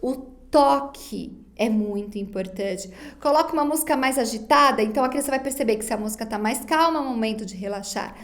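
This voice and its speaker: A woman's voice: a little high, a little fast, few pauses, fairly bright tone. A woman giving a recorded psychology lesson, speaking directly to her students in a didactic way. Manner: didactic, addresses students directly, acts out parents' baby talk. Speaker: psychology lecturer.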